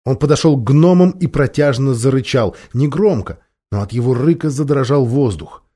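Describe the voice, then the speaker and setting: A male reader narrates a children's storybook aloud. His voice is mellow and warm at a medium pitch, and he reads in an expressive, measured way. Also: breathy edge. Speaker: audiobook reader.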